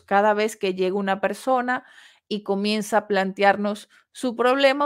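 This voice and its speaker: A woman instructor delivering a recorded lesson at a medium pitch. She explains each point in a measured, patient way, pausing between phrases and posing rhetorical questions to the listener. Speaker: course instructor. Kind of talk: recorded lecture on customer service.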